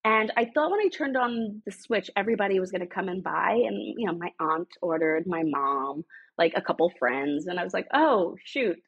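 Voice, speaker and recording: A middle-aged woman, a beauty brand founder, telling her story in a lively, sassy way in an interview. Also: lowish voice, brisk, slightly rough, highs cut off. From United States.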